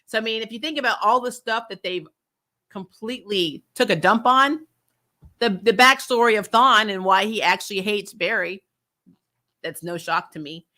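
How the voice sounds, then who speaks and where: A woman hosting a TV recap channel gives a casual, opinionated review, blunt and exasperated, swearing and repeating herself to drive points home. She speaks at a moderate pace in a mid-range voice with a sharp tone.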